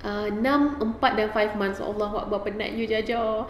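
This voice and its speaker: A woman's voice: medium pitch, fairly even intonation, normal speed, reverberant, slight background noise. A woman, hosting a live Q&A and giving parenting advice emphatically, switching between Malay and English. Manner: emphatic, mixes Malay and English, repeats key points.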